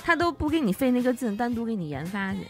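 A woman's voice: fairly high pitch, very animated, fast talker, a little mellow, breathy edge, soft background music. A woman, chatting casually as a co-host. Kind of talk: casual chat.

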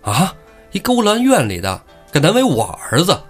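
Man putting on a fierce old mother's voice, high and shrill, scolding loudly, for a spoken story. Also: huge pitch swings, moderate pace, slightly rough, soft background music, full character voice. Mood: furious.

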